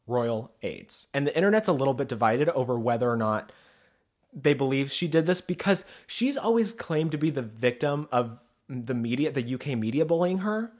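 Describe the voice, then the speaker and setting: A podcast co-host from the Pacific Northwest chats animatedly about celebrity gossip, reading excerpts aloud and using "like" constantly. His mid-range voice moves at normal speed.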